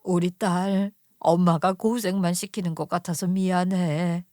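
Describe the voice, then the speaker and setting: A woman voicing a frail, gentle elderly mother who is ill and speaks softly and apologetically. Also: mid-range voice, moderate pace, dry recording, studio quality, close to an everyday voice. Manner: soft, quiet, apologetic. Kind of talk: storytelling radio narration.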